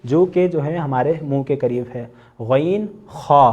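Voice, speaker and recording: A man with a Pakistani Urdu accent teaching an online Quran recitation class, patiently explaining and slowly sounding out letters as examples. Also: mid-range voice, dark tone. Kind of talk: online tajweed lesson.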